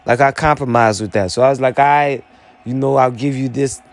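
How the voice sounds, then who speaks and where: A man's voice: medium pitch, steady tone, fairly quick. A man, an army veteran, talking through his story in a rambling, profane monologue full of fillers.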